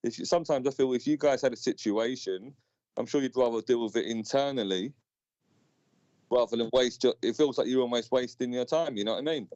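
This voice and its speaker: A man's voice: mid-range voice, a little fast, darkish tone, no room sound. Earnest man on a lo-fi stream. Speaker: panel guest. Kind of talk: casual debate chat. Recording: dry lo-fi stream audio.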